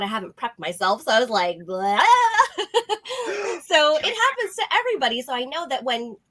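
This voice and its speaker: A woman's voice: high voice, pushed and bright. A young woman co-hosting a live cosplay talk show, chatty and laughing often as she reads viewer comments. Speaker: podcast co-host reading live comments. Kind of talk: casual live-stream chat.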